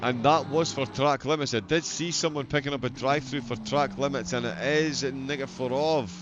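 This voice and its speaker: A man's voice: medium pitch, moderate pace, lo-fi sound, background noise. A man with a broad Scottish accent giving live motorsport commentary in a wry, chatty, amused way. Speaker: sim racing livestream commentator.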